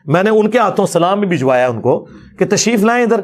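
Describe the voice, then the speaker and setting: Male scholar, lecture rebuttal, argumentative and direct, voice on the high side. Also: sing-song. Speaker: religious scholar.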